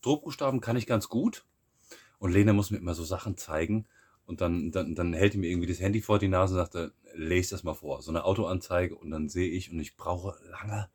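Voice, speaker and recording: A man from Germany co-hosting a podcast in casual chat, relaxed and musing, often restarting his sentences. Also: deep voice, a little fast, breathy edge. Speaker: podcast co-host.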